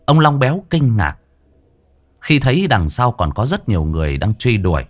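Brief: male audiobook narrator, dramatic delivery, animated pitch. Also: moderate pace. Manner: dramatic storytelling, voices the characters. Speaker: storyteller. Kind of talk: audiobook ghost story narration.

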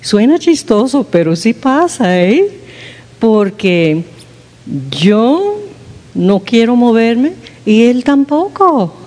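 A woman's voice: on the high side, big pitch swings, takes it slowly, darkish tone. A woman giving an informal sermon talk at a women's church gathering, candid and self-mocking, often checking in with her listeners. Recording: long hall reverb.

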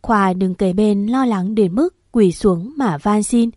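A woman's voice: mid-range voice, slow pace, a little mellow, dry recording, clean studio sound. A woman narrating a dramatic story in the first person.

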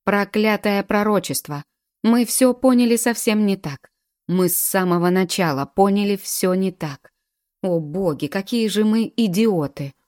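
A woman's voice: mid-range voice, a little slow, a little mellow, no room sound, clean studio sound, natural voice. Woman reading as a haughty drawling golden dragon. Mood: dismayed. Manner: condescending, drawling.

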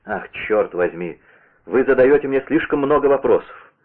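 A man's voice: mid-range voice, animated, moderate pace, phone-quality sound, lightly acted. A man reading the lines of a bold, impatient Gascon musketeer in a brusque, self-assured way.

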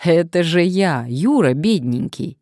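A boisterous, overly familiar middle-aged man , played by a woman reading aloud, in an audiobook. His voice is loud, lively and hearty. The recording is dry and close. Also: lowish voice, measured pace, no echo. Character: cheerful balding middle-aged male ex-classmate.

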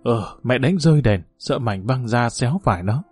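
A man's voice: medium pitch, animated, moderate pace, a little mellow, husky, soft background music. A man reading the part of an old half-blind village mother, fretful and nagging.

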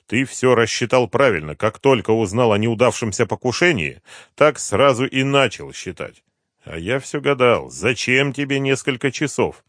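A man's voice: medium pitch, fairly bright tone, no echo, studio quality, voice pushed up, natural voice. A man voicing a cold, calculating colonel on the run who talks in terse, hard commands.

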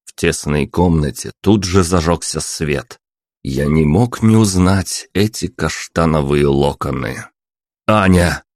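A man narrating a story as an audiobook, in a steady storytelling manner. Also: rumbling low, measured pace, no echo, studio quality.

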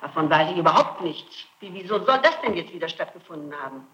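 On a noisy archival tape, a middle-aged woman under interrogation as a suspect insists on her innocence, hammering her points home again and again. Her voice sits on the low side, fairly bright and animated, and she talks fast.

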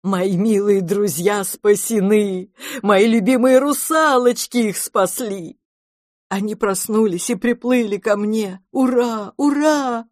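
A woman's voice: medium pitch, darkish tone, no room sound, pitched above the performer's own voice, lightly acted. A woman doing a fretful little male creature from a storybook who wails and draws out every word. Everything sounds like a catastrophe to him, and the voice sits in a dry, close booth. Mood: overjoyed. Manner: slow, wailing lament.

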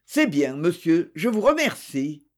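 A reader voicing a composed male prosecutor speaking in a measured, official manner in an audiobook. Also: mid-range voice, big pitch swings.

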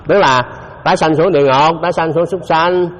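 A man's voice: a little high, fairly even intonation, brisk, fairly bright tone. Man preaching in a hall. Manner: conversational, keeps quizzing listeners with questions. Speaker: Buddhist dharma teacher. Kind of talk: dharma talk to a live audience. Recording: dull lo-fi recording in a reverberant hall.

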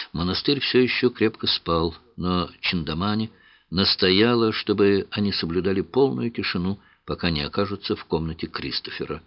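A man with a very low voice narrates an adventure audiobook. He reads in a measured, even way. The recording is a little dull and lo-fi. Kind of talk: scripted narration.

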